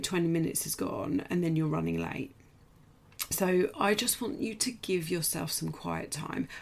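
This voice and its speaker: A middle-aged woman with a British accent, croaky today, coaching a group through a morning routine in a direct, encouraging way. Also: sits low. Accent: British English. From United Kingdom. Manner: direct and encouraging, checks in with "okay?". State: croaky, clearing her throat. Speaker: coach leading a group challenge. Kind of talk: casual live coaching talk.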